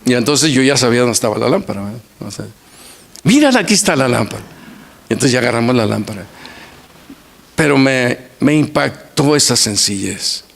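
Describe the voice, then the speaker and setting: A man's voice: mid-range voice, a little fast, gravelly, fairly bright tone. An older man preaching an earnest sermon, repeating his points and weaving in homely stories. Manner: earnest, repetitive preaching with folksy anecdotes. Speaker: pastor. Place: church.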